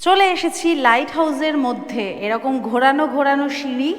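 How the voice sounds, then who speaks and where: A woman's voice: high voice, a little fast. A woman travel vlogger chatting upbeat as she climbs the spiral stairs inside a lighthouse, her voice ringing with a strong echo. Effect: strong echo inside a stone lighthouse stairwell. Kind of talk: casual travel vlog narration.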